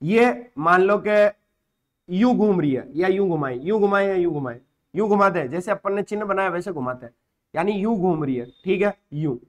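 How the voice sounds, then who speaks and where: A man's voice: high-pitched, expressive, moderate pace. A man teaching physics as a classroom lesson, explaining step by step, asking and answering his own questions and calling students "beta".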